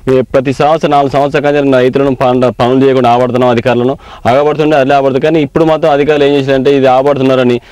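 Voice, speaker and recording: A man's voice: mid-range voice, flat delivery, racing, darkish tone, dry recording. A man who talks about leading a protest movement, in an insistent manner.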